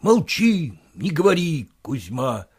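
A man's voice: on the high side, very animated, slow pace, husky, heavily acted. A man reading aloud, voicing a flustered, indignant middle-aged merchant in a storybook. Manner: agitated, indignant outbursts.

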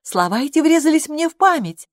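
A poised, clever young gentlewoman voiced by a woman speaks in measured, composed sentences with a slightly raised pitch, recorded dry and close to the microphone. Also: big pitch swings, no echo. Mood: firm.

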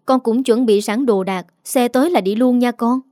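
A woman's voice: fairly high pitch, moderate pace, warm tone, dry recording, clean studio sound, close to an everyday voice. A woman voicing an anxious older mother who speaks urgently and firmly to protect her daughter, in an audio story. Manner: urgent, firm.

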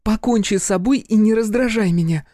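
A man voicing a fierce, scornful young girl in an audiobook, mocking and shouting at a boy. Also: high-pitched, normal speed, no echo, studio quality, voice pushed up, lightly acted. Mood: furious. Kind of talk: audiobook character voice.

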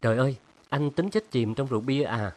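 A man voicing a lively, teasing young woman who scolds playfully in a storybook reading. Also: medium pitch, fairly quick, close to an everyday voice.

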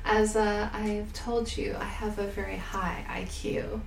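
A woman's voice: medium pitch, level tone, measured pace, gravelly. A young woman chatting casually as a podcast guest, with a bubbly, sorority-girl Valley Girl way of talking. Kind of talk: casual chat. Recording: echoey room, faint background noise.

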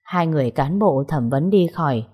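A woman narrating an audio story in a steady, measured reading voice. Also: deep voice, husky.

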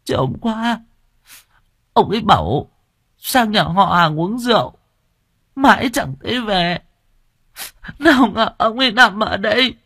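A man's voice: expressive, a little slow, long pauses, pushed and bright, slightly rough, dry recording, studio quality, exaggerated voice. A man voicing a stout middle-aged village woman who wails in grief over her husband. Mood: wailing. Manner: shrill wailing.

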